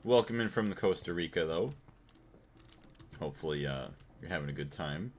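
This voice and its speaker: On a gaming livestream, a man from the US keeps up casual talk while playing, voicing his thoughts and thanking viewers in chat. His voice sits low, sounds animated, and moves at a normal speed.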